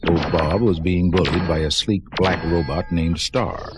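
A man's voice: low voice, fairly even intonation, a little slow, loud music behind the voice. A man reading scripted story narration as the narrator of an audio drama.

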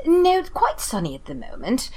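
Husky, swooping, doddery old housekeeper. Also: female voice, sits high, wildly swooping pitch, normal speed, a little mellow, exaggerated voice. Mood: cheerful, doddery. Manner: muddled, chatty, mishearing. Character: doddery, hard-of-hearing, kindly old English housekeeper. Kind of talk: audio drama acting.

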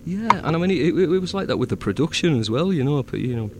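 A fast-talking fan audio drama producer from northern England has a fairly high, sing-song voice and a Northern English accent. His casual chat rambles with lots of fillers and restarts and easy laughter, against background noise.

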